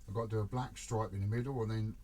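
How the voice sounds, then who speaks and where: Low-voiced man chatting at his workbench. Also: fairly even intonation, rapid-fire, dark tone, slight background noise, rough recording. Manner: chatty, self-deprecating, muttering while working. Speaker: scale model builder. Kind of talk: casual build commentary.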